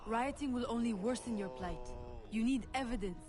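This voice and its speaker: A woman's voice: on the high side, expressive, normal speed, natural voice. A woman voicing a composed young game heroine. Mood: firm. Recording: game audio with music behind.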